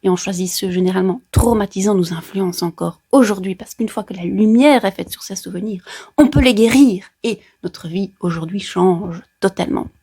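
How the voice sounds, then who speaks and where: Her mid-range voice is warm and slightly rough, moving at normal speed. Speaking with a Brussels Belgian French accent, she talks casually and playfully to viewers, explaining astrology like a therapist. Her chatty style includes colloquial asides and sound effects.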